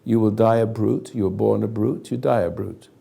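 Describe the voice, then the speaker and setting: An older man with a low, badly hoarse voice, as if gargling as he talks. It is thick with gravel and rasp. He leads a group conversation earnestly, in emphatic, broken phrases. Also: moderate pace, warm tone. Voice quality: gargling, raspy, failing voice. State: hoarse, throat-clearing. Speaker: host leading a group conversation. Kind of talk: spoken counselling talk to a group.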